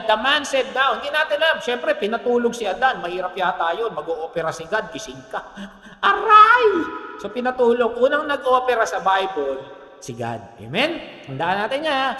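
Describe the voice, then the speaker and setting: A middle-aged Filipino man preaching a sermon in a joking, animated way, with asides to the congregation. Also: extremely high pitch. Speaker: pastor. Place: church hall. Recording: echoey hall with long reverb.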